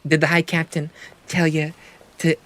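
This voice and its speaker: A man's voice: on the high side, completely flat delivery, moderate pace, a bit bright, voice pushed up, lightly acted. A man playing a stern, proud male ship captain who answers in a clipped, defensive way.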